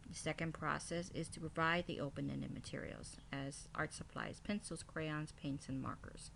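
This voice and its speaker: Low-pitched woman presenting a lesson plan. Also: normal speed, gravelly, fairly bright tone, a little hiss or hum. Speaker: kindergarten teacher.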